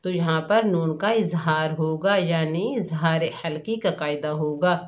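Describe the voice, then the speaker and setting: Woman tajweed teacher, slightly sore throat, low voice, unhurried and methodical delivery. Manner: calm, methodical explaining, drawn-out recitation of words. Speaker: Quran recitation teacher. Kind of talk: slow step-by-step tajweed lesson.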